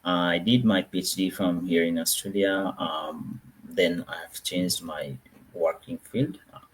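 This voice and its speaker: A man, introducing himself on a webinar panel in a measured way with frequent pauses, over a video call. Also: deep voice, fairly even intonation, husky, low-quality recording. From Bangladesh.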